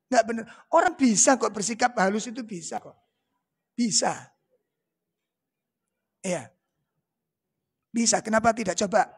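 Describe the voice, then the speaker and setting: Male preacher, Javanese accent, husky gravelly voice, jokey, quizzes the crowd. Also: sits high. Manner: joking, asks the audience rhetorical questions. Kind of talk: religious lecture.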